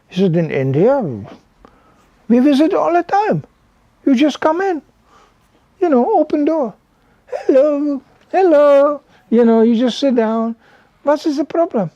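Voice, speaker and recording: An older man, by birth, preaches in English to a small group in a loose, chatty way, leaning on "you know" as he goes. His voice sits a little high but sounds mellow and dark, and the recording is dry and close. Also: creaky, dry recording. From Czechoslovakia. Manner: conversational, animated, frequent "you know". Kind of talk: sermon to a small gathering.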